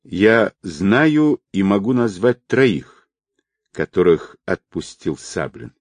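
A man's voice: deep voice, sing-song, slow, no echo, exaggerated voice. A man voicing an earnest young police captain reporting to his superior.

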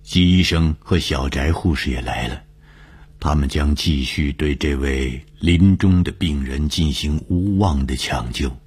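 A man narrating a suspense story in measured, deliberate audiobook style. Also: extremely low pitch, a little mellow, breathy edge.

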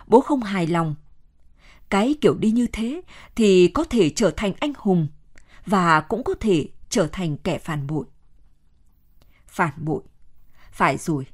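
A woman voicing an exhausted, feverish young male soldier in an audiobook, murmuring low and quiet.

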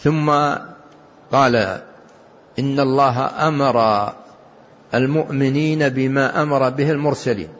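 Older man, religious teacher, slow deliberate explanation, husky voice, dull lo-fi sound. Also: medium pitch. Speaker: Islamic scholar teaching hadith. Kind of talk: religious lesson, hadith commentary. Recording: dull lo-fi recording.

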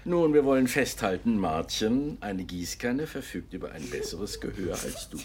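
A man's voice: lowish voice, sing-song, normal speed, background noise. An actor playing a dry, teasing music-director father in a radio drama, with music underneath. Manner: wry and teasing.

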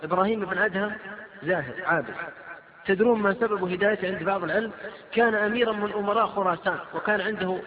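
Male preacher, high and rapid, declaims and recites verse, tinny recording. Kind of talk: religious lecture. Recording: tinny lo-fi hall recording with crowd.

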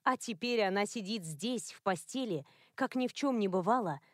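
A woman narrating a novel in a measured, expressive reading style. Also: mid-range voice, no room sound, studio quality. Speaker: audiobook narrator. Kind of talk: scripted narration.

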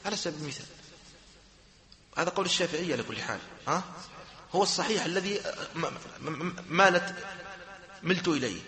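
A man's voice: a little high, expressive, brisk, long pauses, pushed and bright. A man teaching a jurisprudence class, often asking his students questions and answering them himself. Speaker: sheikh teaching Islamic jurisprudence. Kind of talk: lecture to a class. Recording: echoey hall with long reverb.

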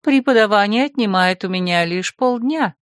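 A composed noblewoman teacher who speaks calmly and slowly with a touch of dry irony, as voiced by a woman narrator. The sound is dry and close. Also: mid-range voice, no echo, natural voice. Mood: soothing. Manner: composed, gently wry. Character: calm aristocratic female teacher, rector's wife.

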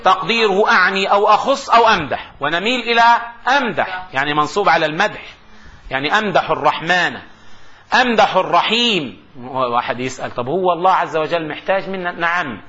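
A man giving a classroom lecture on grammar. He asks the class rhetorical questions and slowly recites his examples. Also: high-pitched, animated, pushed and bright. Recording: dull lo-fi lecture recording.

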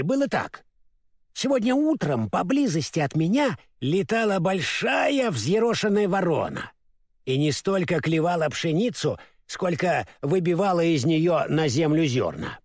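A man's voice: sits high, no echo, clean studio sound, full character voice. A man doing a stammering, muddled straw scarecrow. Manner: stammers, mixes up words then corrects himself. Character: clumsy naive straw scarecrow, male, cheerful. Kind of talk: storybook reading.

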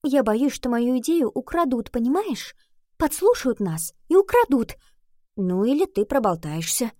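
A woman voicing a sharp-tongued teenage schoolgirl who wants to write a book, exasperated and sarcastic, in an audiobook. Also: on the high side, very animated, measured pace, no room sound, studio quality, pitched above the performer's own voice. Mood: wary. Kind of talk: audiobook reading.

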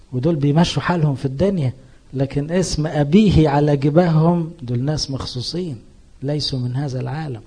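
Mellow, husky Egyptian preacher man. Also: mid-range voice. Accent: Egyptian Arabic. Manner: earnest, emphatic preaching, rising on scripture quotes. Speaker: priest. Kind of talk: sermon.

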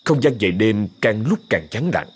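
A man tells a ghost story, his husky voice rising and falling with lively expression. The narration is scripted and vivid. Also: lowish voice, normal speed.

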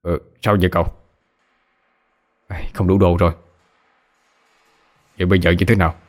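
A man's voice: low voice, level tone, moderate pace, close to an everyday voice. A man voicing a blunt, mocking bald thug in a story.

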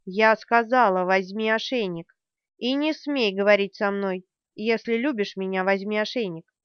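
Audiobook: woman reads a harsh, commanding young woman, forceful, dry slightly dull recording. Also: medium pitch, moderate pace, smooth, dry recording, natural voice. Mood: harsh, shouting. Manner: forceful, shouting. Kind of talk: audiobook character reading.

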